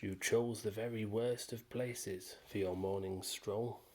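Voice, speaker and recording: A man voicing a hairy, posh and gruff troll in a storybook reading, speaking loudly and slowly in a booming, well-spoken manner. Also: steady tone. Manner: loud, slow and booming, very posh.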